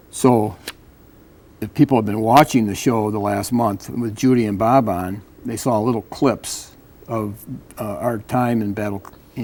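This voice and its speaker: An American man in a casual panel talk, explaining things in a halting way as an advocate on a community show. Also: on the low side, a little mellow.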